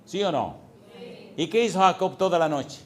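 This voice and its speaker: Man, pastor, fervent sermon, loud-to-soft swings, repeated rhetorical questions. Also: on the high side, expressive, normal speed.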